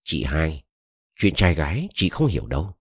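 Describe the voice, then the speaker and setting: A man's voice: rumbling low, big pitch swings, moderate pace, slightly rough, no room sound, clean studio sound, heavily acted. A man voicing a sly old woman shaman. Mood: coaxing. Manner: cunning, coaxing.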